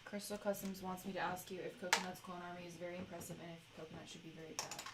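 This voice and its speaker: A woman's voice: lowish voice, steady tone, racing. A woman co-hosting a casual live stream, friendly and reading viewer comments aloud. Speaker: co-host reading chat. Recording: loud background noise.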